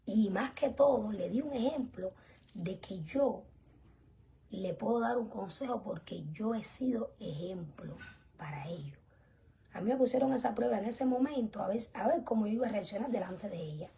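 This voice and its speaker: A young woman teaching an online religious class, earnest and emphatic, often dropping to soft whispered asides. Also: mid-range voice, expressive, normal speed, gravelly, slight background noise. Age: young adult. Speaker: spiritual teacher.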